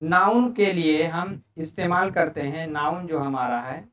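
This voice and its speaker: Slow, patient male language teacher. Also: a little high, a bit bright, distant mic, slight background noise. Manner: explains patiently, repeats terms in several languages. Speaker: Arabic teacher. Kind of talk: online grammar lesson. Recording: echoey room, speaker away from mic.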